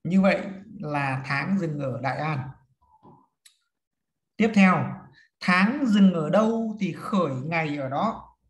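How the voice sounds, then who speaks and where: A man teaching a class, counting and explaining steps one by one to his students. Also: fairly high pitch. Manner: slow, step-by-step counting and instructing. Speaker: feng shui teacher. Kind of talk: classroom lesson. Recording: echoey room.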